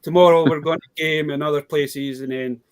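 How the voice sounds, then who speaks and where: A man's voice: a little high, fairly even intonation, moderate pace, clear, resonant tone. A man with a British accent chatting casually about toy bargains in a rambling, storytelling way. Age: adult. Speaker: toy collector guest. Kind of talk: casual live chat.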